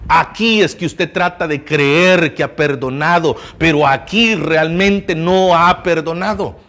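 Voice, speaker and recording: Male pastor, fiery sermon, loud peaks and quiet drops, rhetorical questions, higher voice. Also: measured pace. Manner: impassioned, swinging from loud emphasis to hushed tones; asks the congregation rhetorical questions. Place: church.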